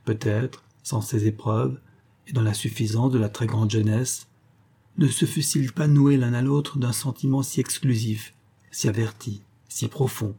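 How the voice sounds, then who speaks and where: A male audiobook reader narrates literary prose with measured, expressive pacing. His voice is dark and mellow, with a soft, husky texture and a mid-range pitch.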